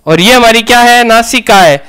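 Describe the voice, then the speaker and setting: A man's voice: extremely high pitch, normal speed, bright, forceful tone, smooth. A man teaching a grammar lesson, asking questions and answering them himself.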